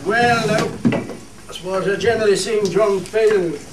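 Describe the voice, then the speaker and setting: For a dialect radio play, a man acts as a homely country singer with a Cumbrian accent, delivering a comic ballad in spoken verse with sung choruses in a droll storytelling mood. His voice sits high and runs at normal speed, close to how he'd normally talk. The sound is noisy and echoey, recorded from a distant mic.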